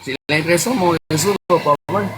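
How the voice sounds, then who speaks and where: A livestream host from Quebec with a Québécois French accent chats casually with viewers outdoors, across from a busy boulevard, thanking them by name. His voice is fairly high and a bit quick, and faint street noise can be heard behind him.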